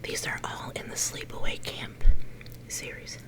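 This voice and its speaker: A middle-aged woman leaning in to whisper a casual, unhurried ASMR chat, her whisper a little growly at times. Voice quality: whisper that turns slightly growly. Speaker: ASMR video creator.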